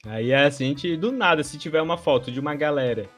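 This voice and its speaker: A man hosting a podcast in a casual chat, loud and joking, with a Brazilian Portuguese accent. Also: a little high, fairly quick, soft background music. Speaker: podcast host.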